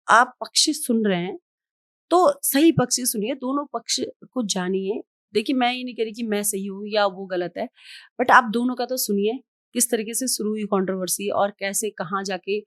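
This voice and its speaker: A woman's voice: medium pitch, moderate pace, fairly bright tone, no echo, studio quality. A woman from Haldwani in India, speaking as a podcast guest in an outspoken, emphatic way and giving firm advice. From Haldwani, Uttarakhand, India. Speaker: podcast guest, entrepreneur and influencer. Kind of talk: podcast interview.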